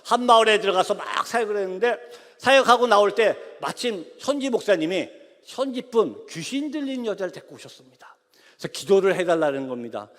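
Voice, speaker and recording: A missionary man preaching a sermon in a church, telling a story with passion and rising to shouts. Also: high voice, lively intonation, a little fast, in a large hall. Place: church sanctuary.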